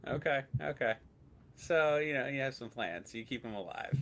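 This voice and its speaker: On a live trading stream, a male host keeps the interview casual, laid-back and jokey, teasing his guest. He talks at normal speed in an expressive, fairly bright, medium-pitched voice.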